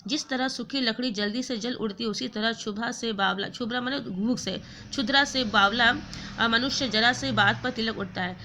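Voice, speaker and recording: Woman teacher, bright and fairly high, retells a story and keeps pausing to explain words. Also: slight background noise. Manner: stops often to explain words, many fillers and self-corrections.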